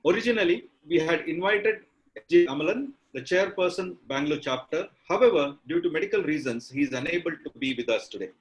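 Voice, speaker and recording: A man giving a formal welcome speech over a video conference call, his audio breaking up, speaking with halting pauses. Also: a little high, expressive, highs cut off. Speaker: chapter official giving the welcome address. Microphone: computer or phone mic on a video call.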